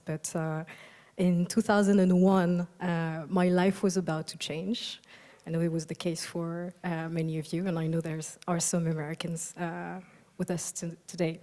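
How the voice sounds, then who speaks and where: Her voice a touch low, warm and mellow, a young Algerian architect delivers a conference keynote. She sounds gentle and contemplative, pausing with ums and uhs, while the large hall's long reverb hangs after each phrase.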